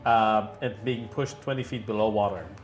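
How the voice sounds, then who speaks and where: A man's voice: lowish voice, steady tone, fairly quick, roomy sound, muffled recording. A man narrating as game master in a casual, swearing, stop-and-start way.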